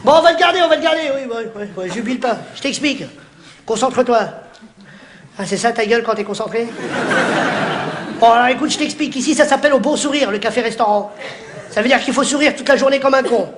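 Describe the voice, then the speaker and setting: A man performing stand-up comedy, teasing the crowd in rapid banter and shouting his punchlines. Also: very high-pitched. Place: theatre stage before a live audience. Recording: live show with audience laughter and noise.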